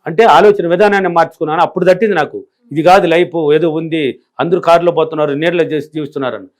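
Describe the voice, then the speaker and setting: Middle-aged village guy, spiritual teacher in an interview, hammers points over and over, talks fast and a bit high. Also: fairly even intonation. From rural India. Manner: emphatic and repetitive, driving points home. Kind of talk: interview answers.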